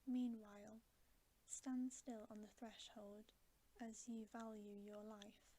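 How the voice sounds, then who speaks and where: A woman's voice: mid-range voice, little pitch movement, slow pace, dark tone. Woman whispering as a menacing great storybook wolf. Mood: stern. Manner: growling, commanding, whispered. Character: menacing great wolf, chief of secret police. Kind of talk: whispered ASMR storybook reading.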